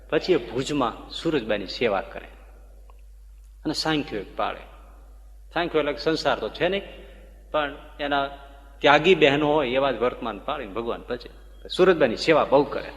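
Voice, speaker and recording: A man giving a devotional sermon as a swami, telling stories with animated emphasis. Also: mid-range voice. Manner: animated storytelling, rising with emphasis. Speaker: swami preacher. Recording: echoey hall, dull lo-fi sound.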